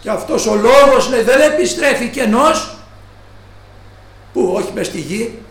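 Male preacher, high voice with a wide, lively range, slows to quote scripture. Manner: slow, stressed quoting of scripture. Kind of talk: sermon. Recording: echoey room.

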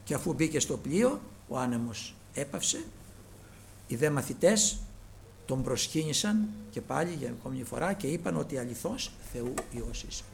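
A male preacher delivering a sermon with emphasis, often calling out to the brethren as his voice swings from loud to hushed. His voice sits high and is gravelly, with faint noise behind him. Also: lively intonation. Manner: emphatic, repeatedly addressing the brethren, moving between loud and hushed.

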